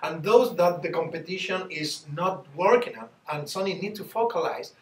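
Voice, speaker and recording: A man from Chile, giving a team business presentation and pausing now and then to search for words. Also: sits high. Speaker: student presenter. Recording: roomy, distant mic.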